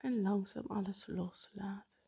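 A woman guiding a breathing meditation in a soft, partly whispered, unhurried way. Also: medium pitch, fairly even intonation, creaky, husky. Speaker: meditation guide.

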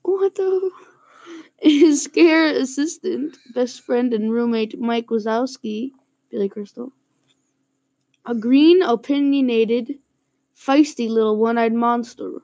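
A woman's voice: on the high side, fairly quick, no room sound, close to an everyday voice. A woman reading a plot summary in a mock Canadian accent, hammy and giggling through her lines.

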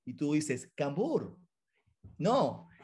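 High-voiced Venezuelan man, animated. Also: brisk. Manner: animated storyteller, acts out quoted lines. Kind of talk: casual chat.

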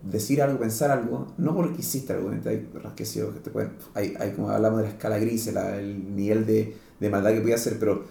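A man's voice: fairly low pitch, steady tone, fast, creaky, hardly any pauses, dark tone, echoey room, a little hiss or hum. A man with a Chilean Spanish accent hosting a podcast, talking in a casual, rambling way with slang and many restarts. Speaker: podcast host. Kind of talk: casual chat.

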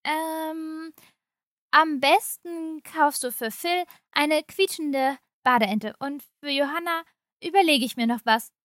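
Storybook role: woman reading a tired, strained young mother, speaking slowly and tightly. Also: sits high, no room sound, clean studio sound, pitched above the performer's own voice. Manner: strained, trying to stay calm. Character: stressed, harried young mother. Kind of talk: audiobook reading of a short story.

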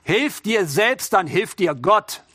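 A man's voice: high voice, very animated, slow pace, bright, forceful tone, dry recording, clean studio sound, full character voice. Man voicing smug, boastful Pride. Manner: boastful, mocking, talks down to the listener. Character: the voice of pride, smug self-reliant know-it-all.

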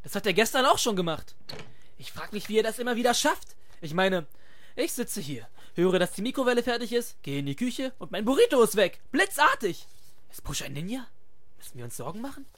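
A woman's voice: medium pitch, very animated, a little fast. A woman voicing a whiny, lazy, rude man in a comedy dub parody, who is bossy and petulant.

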